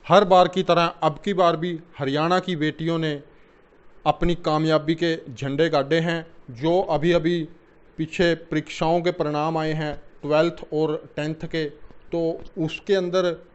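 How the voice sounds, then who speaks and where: A man's voice: on the high side, flat delivery, a little slow, smooth. Friendly man hosting local news, lo-fi. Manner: friendly, hesitant questions with fillers. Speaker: interviewer and news host. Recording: dull lo-fi sound.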